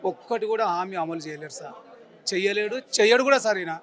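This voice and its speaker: A man's voice: sits high, quick pace, a bit bright, a faint crowd. A man in his forties with a Telangana Telugu accent, angrily and emphatically ranting in a street interview and repeating his insults. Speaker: member of the public interviewed.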